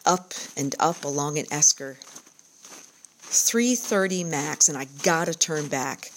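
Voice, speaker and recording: A woman narrating her own outdoor journal in a calm, descriptive, reflective first-person way. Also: low voice, a little hiss or hum, poor audio.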